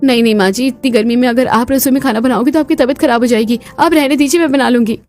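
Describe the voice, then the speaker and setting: A woman's voice: a little high, fast talker, darkish tone, faint music behind, pitched above the performer's own voice, close to an everyday voice. A woman voicing a hardworking, caring young daughter-in-law in a cartoon story, talking earnestly. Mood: eager. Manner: earnest, scolding, eager.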